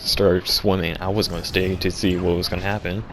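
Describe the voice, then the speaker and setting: A young man with a very low voice tells a ridiculous story in a flat, deadpan way. He rambles and stumbles, restarting his sentences often. A faint ambient hum sits behind him. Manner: rambling, halting, full of restarts and fillers. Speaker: vlogger.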